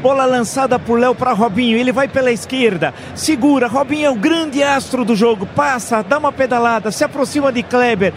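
A man performing as a fervent radio football commentator, with explosive goal commentary, drawn-out shouted calls and emphatic repetition. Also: extremely high pitch, slight background noise. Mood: fervent, excited. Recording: music behind the voice.

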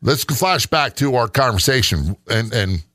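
A man's voice: medium pitch, lively intonation, a little slow, bright, forceful tone, dry recording, clean studio sound. A middle-aged man co-hosting a casual chat, skeptical and sarcastic, often rambling. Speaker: podcast co-host.

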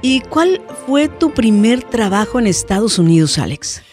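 A woman's voice: on the high side, sing-song, measured pace, a little mellow. A woman hosting an interview show, encouraging her guest with short affirmations. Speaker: host. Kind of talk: casual interview. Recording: music bed underneath.

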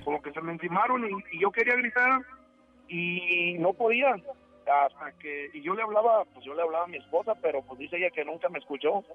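A man's voice: high-pitched, animated. Man rambling over a tinny phone. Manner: rambling, halting storyteller with many restarts. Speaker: radio caller. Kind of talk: telling a ghost story on a call-in show. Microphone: telephone. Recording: tinny phone line with faint music.

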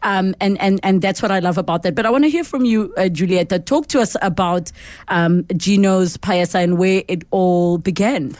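A woman's voice: mid-range voice, normal speed, a little mellow, no room sound. Bubbly woman hosting a chatty interview. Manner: bubbly and chatty, laughs often. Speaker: radio show host. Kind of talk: casual interview chat.

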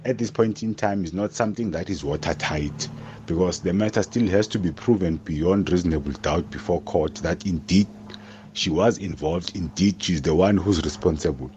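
A man calling in through a recorded voice message, speaking in measured, formal phrasing. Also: sits low, a little mellow. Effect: recorded voice message played over radio. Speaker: listener sending a voice note. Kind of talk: caller commentary. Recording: lo-fi voice note with faint background noise.

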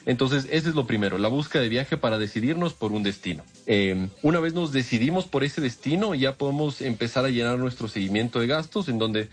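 Casting: guest man, mid-pitched voice, explains at length and hesitates often. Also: expressive, fairly quick, few pauses, slightly rough, soft background music. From Ecuador. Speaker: guest, entrepreneur. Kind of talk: radio interview.

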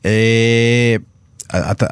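An Israeli man interviewing conversationally, pausing and piecing his questions together. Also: mid-range voice, monotone, clean tone, dry recording. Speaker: podcast interviewer.

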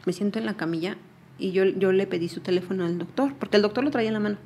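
A woman's voice: mid-range voice, fast, mellow, slight background noise. A young woman with a Mexican accent giving personal testimony in an interview, earnestly retelling events and often repeating herself.

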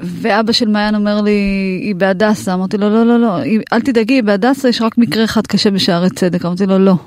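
A woman guest telling her story with halting restarts, her voice rising when she quotes herself. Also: medium pitch, a little mellow, dry recording, clean studio sound. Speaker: guest, mother. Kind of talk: emotional personal storytelling.

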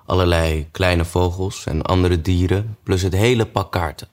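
Male storybook narrator, deep voice, relaxed read with hesitations. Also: moderate pace. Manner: relaxed reading with frequent "eh" fillers. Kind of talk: storybook reading.

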